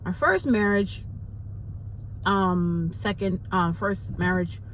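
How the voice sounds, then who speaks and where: A woman in her fifties talking casually to her viewers, slow and deliberate, repeating her points. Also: medium pitch, low-quality recording. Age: 50s. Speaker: vlogger. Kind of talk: casual talk to camera. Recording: loud traffic noise behind.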